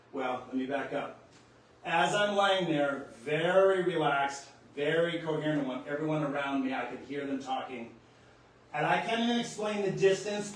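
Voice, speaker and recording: Earnest man telling a story, echoey room. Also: on the high side. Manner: earnest, halting, reliving the moment. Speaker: spiritual storyteller. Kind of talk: personal storytelling to camera. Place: room in his home near the kitchen. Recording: echoey room, distant mic, faint background hum.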